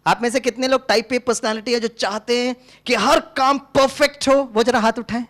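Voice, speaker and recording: A middle-aged man from Tamil Nadu, an engineering teacher giving a lively motivational talk to a live audience, switching between Hindi and English and acting out dialogues. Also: very high voice, moderate pace. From Tamil Nadu, India. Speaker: engineering teacher and spiritual speaker.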